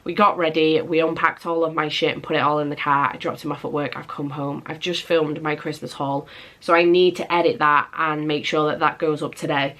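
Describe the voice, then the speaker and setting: A young English woman rambles through a casual monthly vlog at home, swearing freely, her nose stuffed up from a cold. Her low voice is fairly bright, a little fast, and shows little pitch movement.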